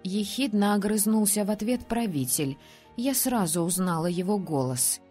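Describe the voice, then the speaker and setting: A woman reading first-person narration for an audiobook in an even, measured way. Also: medium pitch, faint music behind.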